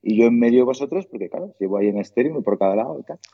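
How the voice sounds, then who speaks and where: A man's voice: mid-range voice, animated, racing, breathy edge, lo-fi sound. A middle-aged man from Asturias, a podcast guest telling rambling stories with many restarts and imitated sounds. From Asturias, Spain. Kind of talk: casual chat.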